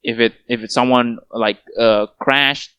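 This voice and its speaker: A man's voice: medium pitch, steady tone, unhurried, fairly bright tone, smooth, no room sound. Hesitant young man, dry close mic. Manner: hesitant, many fillers and restarts. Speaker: podcast co-host. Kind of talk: casual podcast chat.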